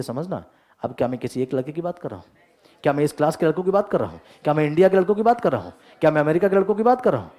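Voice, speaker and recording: Energetic male grammar teacher lecturing a class. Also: on the high side. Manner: energetic, keeps asking "yes or no?" to check understanding; joking asides to the class.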